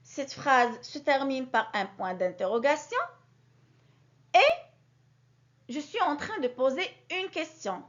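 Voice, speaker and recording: A woman teaching a grammar lesson to young children, with a clear, sing-song teacherly delivery that stresses key words. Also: sits high, lively intonation, slow pace, long pauses. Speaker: primary school teacher. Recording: dull lo-fi recording.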